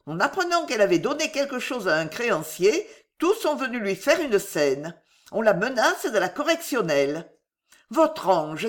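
Femme de chambre persuasive, jouée par une femme, débit théâtral, mélodie vive. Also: female voice, a little high. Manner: voluble, wheedling, theatrical. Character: young cunning female chambermaid, glib and persuasive.

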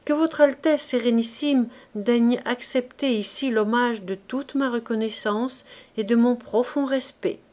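A woman reading aloud, voicing a composed, shrewd duchess who speaks in a measured, direct way. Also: on the high side, darkish tone, close to an everyday voice. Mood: respectful. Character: composed, shrewd duchess, a calm court lady. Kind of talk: audiobook reading.

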